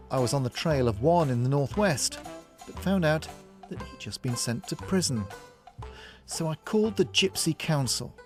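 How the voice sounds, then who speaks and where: A man narrating a scripted radio feature as a reporter. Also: on the high side.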